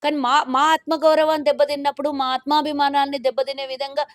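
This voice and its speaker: Telangana lady politician in an interview, high voice, talks quick, sharp and sarcastic. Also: level tone, no echo, studio quality. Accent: Telangana Telugu. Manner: indignant, pointed, sarcastic. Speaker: corporation chairperson, guest.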